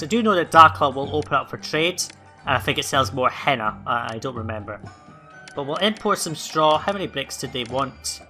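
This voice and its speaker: A man hosting a let's play, giving relaxed gameplay commentary and thinking aloud with plenty of ums and uhs. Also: mid-range voice.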